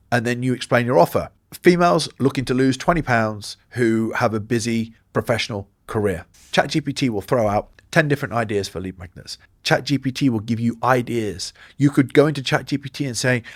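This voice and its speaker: An energetic man coaching online fitness coaches in a direct instructional talk. His voice sits mid-range and he acts out sample messages in brisk asides. The sound is dry and close, with no room around it. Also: mid-range voice, no room sound.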